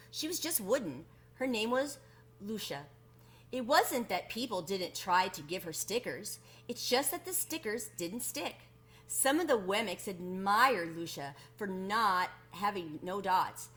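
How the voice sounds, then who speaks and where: A storyteller reads a picture book for children, her pitch sitting at a medium level. She sounds deliberate and expressive, lengthening the words she stresses.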